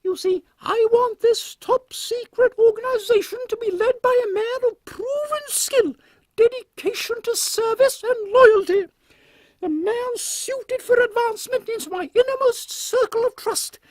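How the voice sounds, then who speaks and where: A man's voice: very high-pitched, unhurried, no room sound, pitched above the performer's own voice, poor audio. A man voicing an imperious, drily witty Queen Victoria with a British accent, regal and condescending, in a steampunk audio comedy. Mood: conspiratorial, commanding. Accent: British English.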